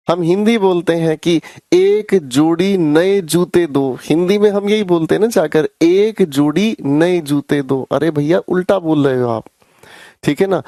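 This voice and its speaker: During a live online class, a man teaches grammar in a chatty, teasing manner, calling out to students by name and addressing them as beta and bhai. His slightly high voice sounds mellow and warm, recorded in a small, dry room with no echo.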